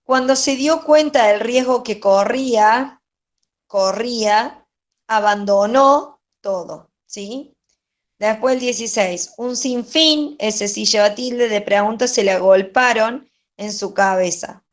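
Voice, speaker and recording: A woman's voice: on the high side, slow pace. A woman teaching a grammar lesson, going over exercise answers patiently and often checking in with "¿sí?". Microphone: online class.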